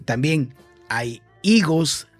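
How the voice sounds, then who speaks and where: A man's voice: a little high, expressive, very slow, soft background music. A man hosting a radio program in a casual, chatty way, wandering with fillers and correcting himself as he goes. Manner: chatty and meandering, many fillers and self-corrections. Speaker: radio host. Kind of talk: casual radio talk about travel.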